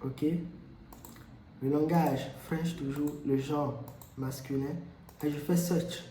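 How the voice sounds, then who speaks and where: A man presenting a software tutorial, explaining steps with frequent hesitations and repeats. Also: a little high, fairly even intonation, slow pace, slight background noise. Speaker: tutorial host. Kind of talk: screen-recorded software tutorial. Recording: echoey room.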